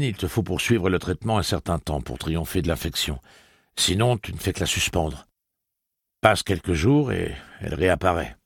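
A man's voice: deep voice, breathy edge, no room sound, clean studio sound. A man voicing an earnest young man in an audiobook, who argues his point patiently and insistently. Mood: explaining. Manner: earnest, pressing, argumentative. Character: young man, persistent, reasoning. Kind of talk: audiobook character voice.

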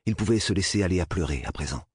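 A man reading a novel aloud as narrator, with an expressive, dramatic delivery on a close studio mic. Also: deep voice, quick pace, breathy edge, dry recording. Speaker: audiobook narrator. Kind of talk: scripted narration.

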